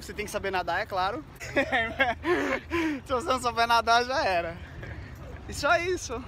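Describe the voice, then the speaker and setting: Young man, high voice, excitable, casual travel vlog, phone at arm's length, outdoor pier, clear background noise. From Brazil. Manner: chatty, excitable, addresses viewers directly. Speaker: vlogger. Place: outdoors on a city waterfront pier. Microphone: phone held at arm's length.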